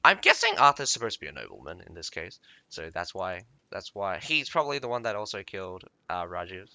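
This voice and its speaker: A man reading a game's lore aloud, breaking off often to comment in a halting, casual way with many fillers. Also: low-pitched, very animated, creaky, sharp tone, no room sound, muffled recording. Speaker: lore reader and streamer.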